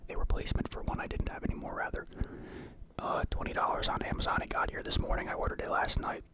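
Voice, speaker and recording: A young man whispering in a casual, halting, rambling ASMR style, close to the microphone. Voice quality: whispered, unvoiced. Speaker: ASMR mukbang creator. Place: indoor room at home.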